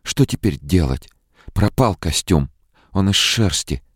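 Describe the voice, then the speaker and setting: A man's voice: low-pitched, expressive, a little slow, husky, dry recording, clean studio sound, voice pushed up, exaggerated voice. A man voicing a frightened, tearful young woman. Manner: tearful, rambling, drugged near the end. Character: frightened young woman, fragile, near hysteria.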